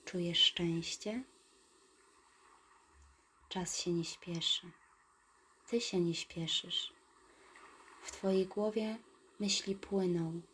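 Slow whispering woman meditation guide. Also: lowish voice, slight background noise. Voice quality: soft whisper. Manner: slow, soothing, calm instructions.

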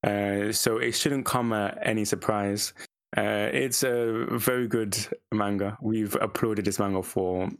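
Slangy man with a lowish voice. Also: dry recording. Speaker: podcast co-host. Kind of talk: casual podcast chat.

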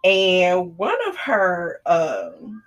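Woman co-host, lower voice, animated gossip storyteller, casual chat. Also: very slow. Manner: animated storytelling, dramatic retellings. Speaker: podcast co-host.

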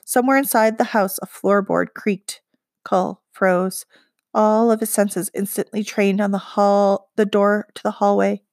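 A woman reading a children's book aloud with expressive, measured narration. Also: medium pitch, dry recording, clean studio sound. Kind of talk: storybook read-aloud narration.

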